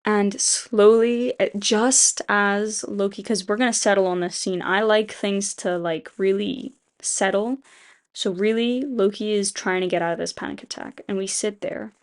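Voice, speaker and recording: A woman talks through a story she wrote, in a loose, rambling way full of fillers and restarts. She swears casually and keeps circling back to explain each detail. Her voice sits at an ordinary middle pitch. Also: fairly even intonation, measured pace. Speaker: video creator. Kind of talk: casual retelling of a fan rewrite.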